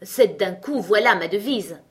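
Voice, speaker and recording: A woman's voice: mid-range voice, lively intonation, measured pace, natural voice. A woman voicing a boastful, cunning little male tailor in a read-aloud fairy tale, cocky and swaggering.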